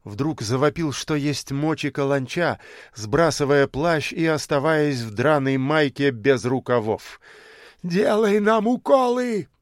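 A man's voice: mid-range voice, no room sound. Man reading an audiobook, dry sound. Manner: steady measured storytelling. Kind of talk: audiobook narration.

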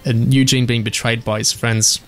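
A man in casual discussion, animated, with frequent restarts and the odd swear word. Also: mid-range voice, moderate pace.

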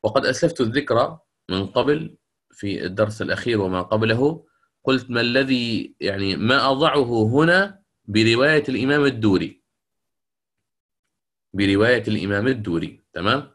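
A man's voice: medium pitch, expressive, a bit bright. Patient male Quran recitation teacher. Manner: explains patiently, asks students questions, slows to recite verses. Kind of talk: classroom lecture on Quran reading rules.

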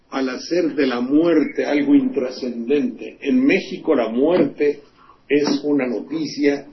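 A man hosts a radio commentary, railing with scorn, profanity and pointed rhetorical questions. His voice sits mid-range and comes through a dull, lo-fi recording with a faint hiss in the background. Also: medium pitch. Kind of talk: indignant political commentary.

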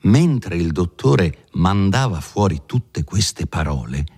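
A man narrating a classic novel in an audiobook, in a measured, expressive storytelling manner. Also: low voice, slightly rough. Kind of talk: literary audiobook reading.

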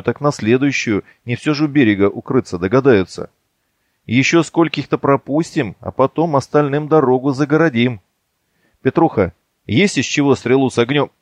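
A man voicing a gruff squad leader. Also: medium pitch, dry recording, voice pushed up, lightly acted. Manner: curt, barking orders. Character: gruff commanding male squad leader, blunt and harsh.

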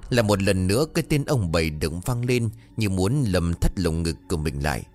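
A man tells a ghost story in a low, lively voice that rises and falls with the tension. He also slips into the characters' voices for their lines. Faint music plays underneath the narration. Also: brisk.

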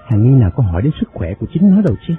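A man reading a novel aloud in steady, measured narration. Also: medium pitch. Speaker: audiobook narrator. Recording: phone-like sound, faint music.

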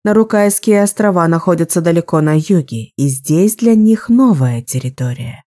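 A woman reading a low, resolute sorceress. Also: expressive, moderate pace, mellow, natural voice. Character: resolute young female sorceress, strategist. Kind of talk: audiobook role reading.

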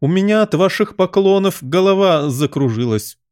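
A man reading a storybook aloud, voicing a furious, tyrannical queen who screams orders in a shrill voice. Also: expressive, normal speed, a little mellow, clear, resonant tone, natural voice. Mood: furious commanding.

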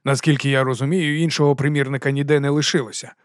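A man's voice: mid-range voice, level tone, fast talker, no echo, studio quality, close to an everyday voice. A man voicing a weary, hard-drinking middle-aged watch captain in an audiobook, tired and resigned.

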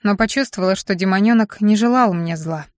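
A woman narrates a first-person fantasy audiobook, telling the story expressively. Her voice sits at a middle pitch for a woman. The recording is dry and close, with no room sound. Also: a little fast, dry recording.

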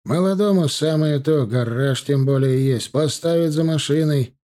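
A man's voice: a little high, moderate pace, warm tone, voice pushed up, close to an everyday voice. A man voicing an approving, practical brother-in-law in an audiobook.

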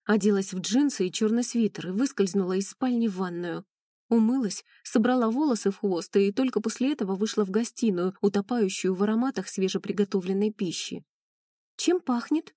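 A woman narrates a first-person audiobook with an emotional, mournful reading. Her voice is mellow and warm, recorded close and dry. She keeps a steady middle pitch. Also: fairly quick, dry recording.

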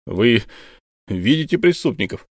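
A man's voice: medium pitch, sing-song, a little slow, no room sound, studio quality. A man reading an audiobook, playing a stern, weary investigator who speaks firmly and commandingly. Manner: firm, commanding.

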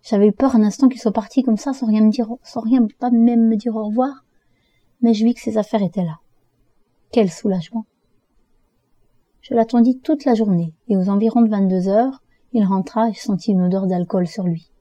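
A woman narrates a first-person story for an audiobook at a steady, measured pace. Her voice is very dark and mellow, and the recording is dry and close. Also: medium pitch, dry recording, muffled recording. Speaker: audiobook reader.

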